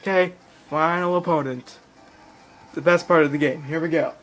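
A man whose voice is a little high gives casual let's play commentary at a moderate pace as a video game player and commentator. Excitable, he keeps repeating phrases and mimicking game sounds. It's recorded in a home room in front of a TV on a handheld camera or phone mic, with game music in the background.

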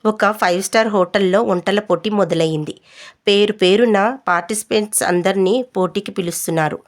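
A woman narrating a comic family story in a lively storytelling style. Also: mid-range voice, normal speed.

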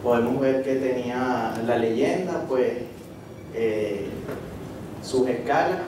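In a medium-sized indoor seminar room, a middle-aged man with a Venezuelan accent presents informally, halting often and checking with little tags that he's followed. He is a course participant who researches marine geology, and his voice sits in the mid range. A distant camera records his handheld PA microphone, so the audio is noisy with plenty of room echo.

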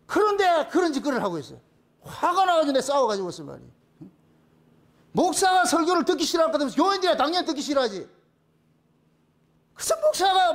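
Middle-aged pastor, very high voice, animated preaching style, fires rhetorical questions at the congregation, slips into quoted voices. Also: male voice. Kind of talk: sermon.

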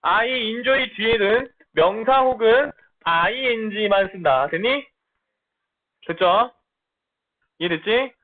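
A man with a high, lively voice giving an online English lesson in blunt, casual banter. He keeps checking that his students follow along. The sound is thin and tinny, like a phone line. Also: slow pace, long pauses. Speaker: middle school English teacher. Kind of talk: online lecture.

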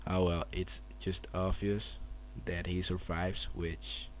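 Keeping his low voice hushed so the sleeping household isn't disturbed, a man gives casual, flat commentary as he slowly narrates his own battle at night. The sound comes from a noisy camera mic with a hum.

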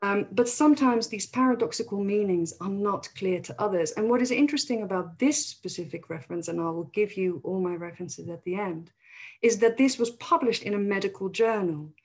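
A woman's voice: mid-range voice, fairly quick, breathy edge, low-quality recording. A woman from the Netherlands with a Dutch accent, giving a thoughtful webinar presentation with frequent fillers over a video call. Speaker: academic presenter.

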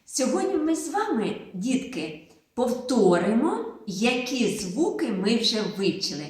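Slow singsong woman teacher, very echoey. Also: on the high side, big pitch swings, darkish tone. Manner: slow, singsong, drawn-out sounds for children. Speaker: kindergarten teacher. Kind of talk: phonics lesson for small children. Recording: very echoey room.

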